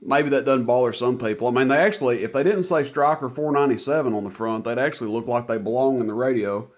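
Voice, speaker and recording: Fast-talking in a mid-range voice, a man selling radios casually demonstrates his gear, speaking in a plainspoken, folksy, unscripted manner.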